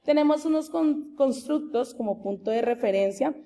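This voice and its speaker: A woman, a master's degree candidate, presents her thesis project in a formal, steady, explanatory manner. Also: high-pitched, normal speed. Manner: steady, explanatory, with occasional restarts.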